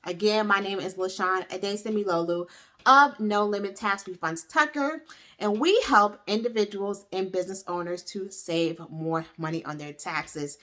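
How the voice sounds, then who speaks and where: Lady doing a casual advice video, bright punchy voice, straight talking and persuasive, keeps nudging you to act. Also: mid-range voice, moderate pace. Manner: frank, persuasive, urging listeners to act; punctuates points with "okay?". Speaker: tax professional hosting an explainer video. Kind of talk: casual direct-to-viewer advice talk.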